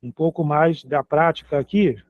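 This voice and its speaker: A man's voice: fairly high pitch, steady tone, moderate pace, no room sound. A man teaching a language lesson, patiently spelling out letters and repeating each word. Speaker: Hebrew teacher. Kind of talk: slow explanatory lesson. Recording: dry, tinny phone-like sound.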